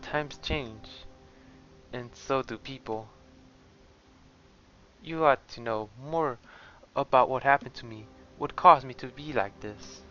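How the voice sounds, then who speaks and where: A man voicing a calm, guarded adventurer, reading game dialogue in a quiet, measured way. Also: medium pitch, faint music behind. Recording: slightly muffled lo-fi sound.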